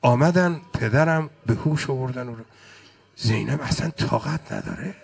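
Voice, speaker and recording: A man's voice: medium pitch, gravelly, husky. A man preaching a mourning sermon, reciting phrases in a chanting cadence. His delivery is impassioned, swelling and dropping with emotion.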